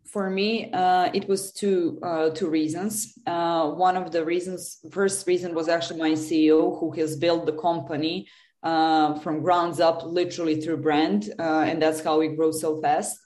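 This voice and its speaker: A woman's voice: low voice, flat delivery, measured pace, a little mellow. A woman from Serbia, answering interview questions earnestly with many fillers and restarts. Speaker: guest, business development lead. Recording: roomy echo.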